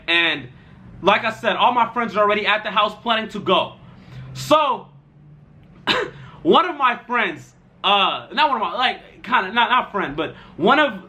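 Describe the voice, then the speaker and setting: A young man tells a rambling storytime tale in a loose, slang-heavy way. His voice sits high and sounds bright and lively. He keeps circling back with fillers as he goes. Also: measured pace. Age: young adult. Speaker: storytime vlogger. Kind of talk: casual storytime.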